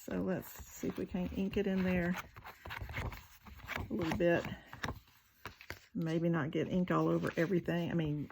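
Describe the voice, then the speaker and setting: A woman's voice: lowish voice, little pitch movement, normal speed, vocal fry, pauses often, background noise. A woman, talking casually through a craft tutorial, chatty and self-deprecating, with muttered asides while she works. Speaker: craft video maker.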